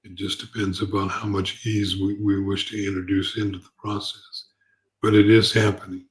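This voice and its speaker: Calm, gentle man with a low voice. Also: low-quality recording. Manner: halting, repeats words as he goes. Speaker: spiritual teacher. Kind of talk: unscripted spiritual talk.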